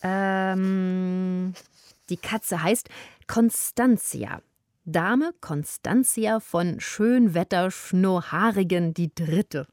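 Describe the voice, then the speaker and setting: A woman in her thirties chats with viewers about a children's book she loves and sometimes reads passages from it. Her voice sits fairly low, and the recording is close and dry. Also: very slow, no room sound. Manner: lively and chatty, addressing viewers. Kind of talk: book recommendation with reading aloud.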